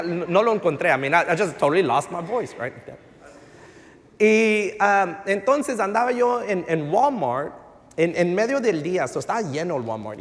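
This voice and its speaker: A male pastor, telling a story in a relaxed sermon and slipping into English phrases. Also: a little high. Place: church sanctuary. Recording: reverberant church hall.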